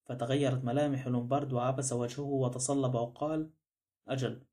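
A male audiobook narrator reading a mystery novel aloud. He moves through the text briskly and steadily. His voice is mellow and warm. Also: medium pitch, steady tone. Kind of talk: scripted narration.

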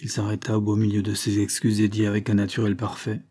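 A male audiobook narrator reads a classic novel in a calm, measured way. His voice is mellow and warm with a husky edge. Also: fairly low pitch.

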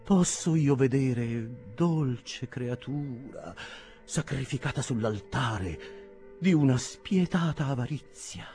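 A man's voice: medium pitch, expressive, slow pace, warm tone, soft background music, voice pushed up. A man reading an audiobook, voicing a scheming swindler who talks in clipped, staccato phrases with melodramatic flair. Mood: theatrical. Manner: theatrical, melodramatic. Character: smooth-talking scheming adult male swindler.

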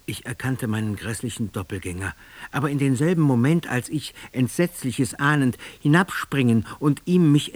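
A man's voice: mid-range voice, dry recording. A man narrating a literary text aloud in an intense, theatrical first-person dramatic reading.

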